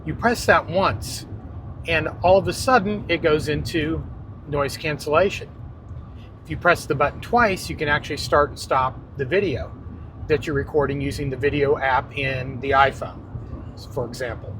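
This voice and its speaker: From inside a car, a man with a fairly high-pitched voice speaks at normal speed, hosting a casual podcast product review. He uses a wireless clip-on microphone, and the vehicle interior makes the recording noisy.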